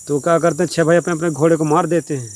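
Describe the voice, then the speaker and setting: A man telling a comic village folk tale casually, repeating himself and rambling along. His voice sits a bit on the high side, and his delivery is plain and unhurried. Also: steady tone, a little mellow. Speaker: storyteller. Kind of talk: casual oral folk storytelling.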